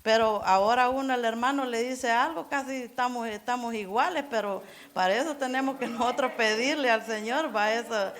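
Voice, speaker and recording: A middle-aged woman giving an informal church sermon in an earnest, halting way, restarting phrases and repeating words as she goes. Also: on the high side, a bit bright. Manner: keeps urging listeners to imagine. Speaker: church member preaching.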